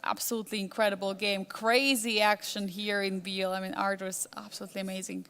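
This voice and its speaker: A woman's voice: medium pitch, flat delivery, a little fast, a bit bright, smooth. A woman doing live chess commentary, posing suspenseful questions and repeating phrases for emphasis.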